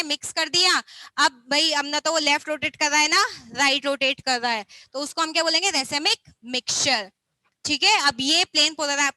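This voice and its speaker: Young woman, high bright voice, chemistry teacher who quizzes and answers herself, dry close sound. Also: dry recording, low-quality recording. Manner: asks questions and answers them herself. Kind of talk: classroom lecture.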